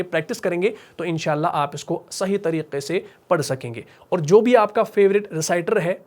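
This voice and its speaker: A man teaching a Quran recitation lesson, explaining step by step and asking and answering his own questions. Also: a little high. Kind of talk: tajweed lesson.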